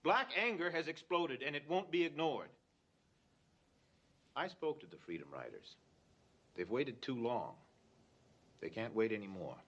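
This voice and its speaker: A man's voice: on the low side, very animated, a little slow, pauses often, highs cut off, heavily acted. An actor playing a male civil rights adviser who speaks bluntly and urgently in a television drama. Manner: forceful, lecturing.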